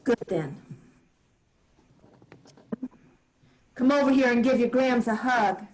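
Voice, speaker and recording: Voicing a firm yet loving elderly farm grandmother for a staged play reading, she barks out brisk, kind commands in plain country speech. The pitch is fairly high and a little mellow, the acting light, the audio poor.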